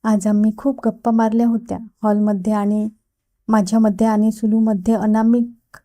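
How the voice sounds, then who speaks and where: A woman narrating a novel aloud in a calm, steady storytelling manner. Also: mid-range voice, moderate pace, dry recording. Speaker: audiobook narrator. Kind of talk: novel reading.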